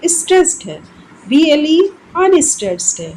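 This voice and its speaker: A woman with an Indian English accent teaching an English lesson. She reads English definitions slowly, then explains them quickly in Hindi, and checks with her students. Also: sits high, very animated, darkish tone, slight background noise, rough recording. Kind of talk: classroom-style lesson explaining grammar.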